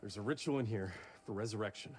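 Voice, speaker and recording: An actor playing a grim, wary male investigator with a clipped, gruff delivery. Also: fairly low pitch, a little fast, slight background noise, lightly acted. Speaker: player character. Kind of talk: video game voice acting.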